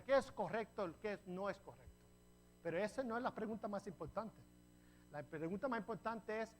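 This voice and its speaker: A man from New Jersey preaching a sermon as pastor, telling the story in a lively way and putting rhetorical questions to the congregation. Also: high voice. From New Jersey, USA. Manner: jokes with the congregation.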